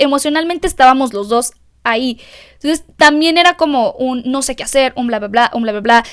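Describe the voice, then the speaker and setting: A young woman with a Mexican accent hosting a solo podcast, talking candidly and emotionally to her listeners and swearing freely. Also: sits high. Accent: Mexican Spanish. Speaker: podcast host. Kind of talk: confessional solo podcast monologue.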